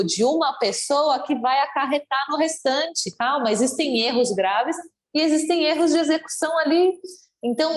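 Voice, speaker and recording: A woman, a dance teacher, talking in a casual podcast interview in a brisk, firm way. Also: high-pitched. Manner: brisk, firm, laughs at own slips. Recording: roomy echo.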